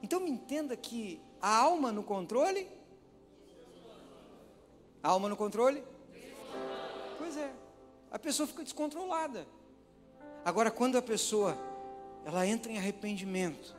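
A pastor preaching a sermon in a church, swinging from hushed asides to loud, dramatic shouts. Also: male voice, very high voice. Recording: hall reverb with faint music.

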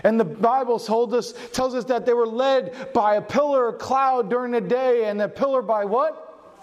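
A pastor preaching a sermon, asking his congregation questions and varying his pace and loudness for emphasis. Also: very high voice, normal speed, muffled recording. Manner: asks the congregation questions and answers them.

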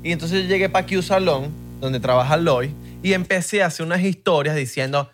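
A Venezuelan man in casual chat, telling an anecdote in an animated way. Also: on the high side, brisk, faint music behind. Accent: Venezuelan Spanish.

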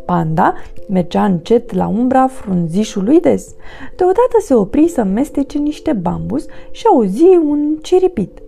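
A woman narrating a children's story, her voice rising and falling with animated expression. Her tone is mellow and a bit gravelly, slightly high for a woman. Soft music plays underneath. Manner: lively, expressive reading. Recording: faint background music.

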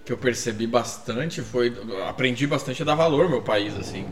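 A man co-hosting a podcast, sharing reflective anecdotes with pauses and hesitations. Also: medium pitch, reverberant, far from the mic, faint music behind. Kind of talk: casual podcast chat.

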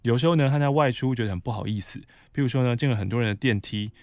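A man's voice: medium pitch, fast talker, no room sound. A man from Taiwan hosts a podcast and reads a listener's letter aloud, adding short asides as he goes. His voice sits in a mid range for a man. The recording is dry and close, with no room sound. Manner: conversational reading with brief asides. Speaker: podcast host.

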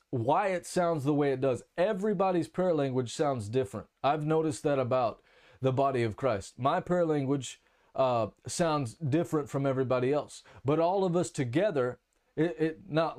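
A man's voice: on the high side, darkish tone. A man teaching a sermon and telling his own testimony in a candid, conversational way, with many restarts and fillers. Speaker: preacher.

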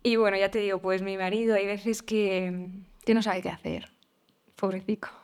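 A woman, a podcast guest talking openly and reflectively, with frequent fillers and soft laughs. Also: mid-range voice, level tone, normal speed, smooth. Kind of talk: candid conversational interview.

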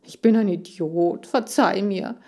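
A woman's voice: medium pitch, measured pace, a little mellow, close to an everyday voice. Woman voicing a sheepish clumsy boy. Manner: sheepish, defensive.

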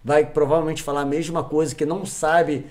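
A young man with a Brazilian Portuguese accent talks as a podcast guest, telling a personal story in casual chat. His voice sits a bit high, and he keeps it animated, repeating phrases over and over for emphasis. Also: a little fast.

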